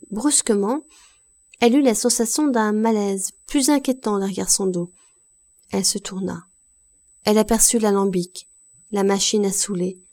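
A woman narrates a classic novel as an audiobook reader, her mid-range voice measured and expressive.

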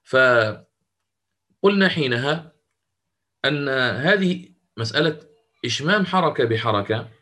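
A man at a middle pitch gives a methodical lesson on recitation. He poses questions to his class and answers them himself. He sounds out sample words slowly and repeats each one. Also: a bit bright. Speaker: Quran recitation teacher. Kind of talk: recorded lesson on recitation rules.

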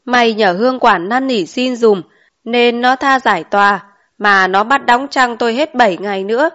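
A woman's voice: a little high, moderate pace, a bit bright, lightly acted. A woman voicing a talkative rural mother of five in an audiobook, with a chatty, exclaiming manner. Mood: indignant. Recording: dull lo-fi recording.

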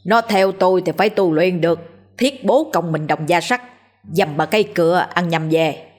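A woman's voice: fairly low pitch, moderate pace, darkish tone, close to an everyday voice. A woman voicing a crude, bossy old male thief who scolds his companions in a storybook tale. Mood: scolding. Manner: gruff scolding.

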